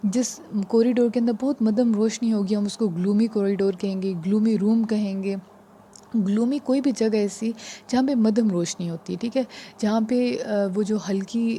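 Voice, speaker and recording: Patient woman tutor with a mellow voice. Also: medium pitch, slight background noise. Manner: patient, repeats "ठीक है" often; slows down to spell out words. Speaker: exam prep teacher. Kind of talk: casual explanatory lesson.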